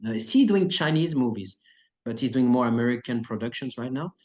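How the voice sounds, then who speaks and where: Brisk and medium-pitched, a man in his 30s, an action choreographer and actor, rambles easily through a casual interview. He's relaxed, throwing in lots of "uh" and "like" and restarting his sentences often.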